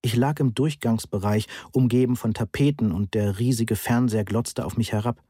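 A man reading a first-person novel aloud as audiobook narrator, measured, dry and understated. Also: mid-range voice, steady tone, mellow, breathy edge, dry recording.

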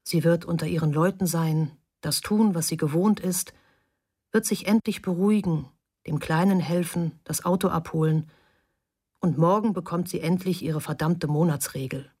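A woman narrates a novel aloud in a calm, inward way. Her voice is husky and sits a little low. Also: normal speed. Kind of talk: audiobook narration.

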